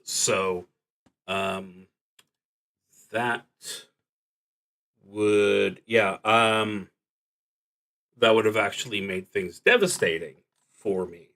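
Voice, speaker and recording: Streaming a solo tabletop roleplaying session, a man explains the game casually, earnest but halting, with long pauses. His voice is lowish with a fairly bright tone.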